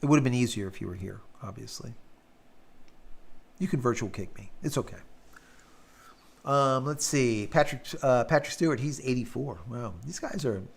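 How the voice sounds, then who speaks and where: A man hosting a live stream in casual chat, blunt and quick to swear, his throat sore and worn after hours of talking. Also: medium pitch, gravelly, slightly rough. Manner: blunt, ranting, swears freely.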